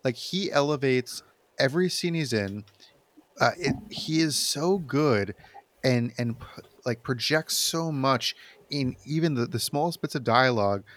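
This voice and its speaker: A man's voice: medium pitch, expressive, measured pace, fairly bright tone. A man chatting casually about film as a podcast panelist, with an enthusiastic, rambling delivery.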